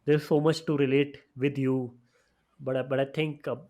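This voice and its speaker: A man hosting a podcast, speaking in a conversational interview style, appreciative and measured, with soft fillers between phrases. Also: mid-range voice, little pitch movement. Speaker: podcast host.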